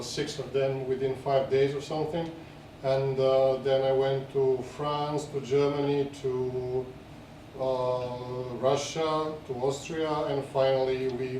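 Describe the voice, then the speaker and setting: A Serbian documentary director, a guest at a festival, answers interview questions off the cuff in a warm, mid-range voice, hesitating and repeating words as he explains. The recording was made at an echoey screening venue with a distant mic and faint noise.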